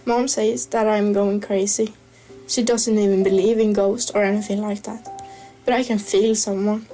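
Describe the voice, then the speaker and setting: A woman's voice: mid-range voice, a little mellow, low-quality recording. A woman reading a first-person horror story aloud, carefully, with small stumbles and restarts.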